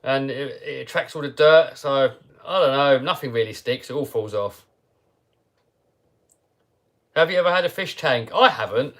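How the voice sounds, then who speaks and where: A man hosts a casual livestream, chatting easily, laughing often and reading viewers' questions out loud. His voice is medium-pitched and fairly bright, moving a little fast.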